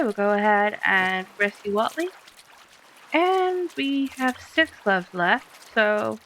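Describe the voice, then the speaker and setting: A woman's voice: a little high, fairly bright tone, a little hiss or hum. Chatty woman narrating her gameplay. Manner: chatty, giggles at puns, thinks aloud. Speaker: let's play host. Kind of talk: casual gameplay commentary.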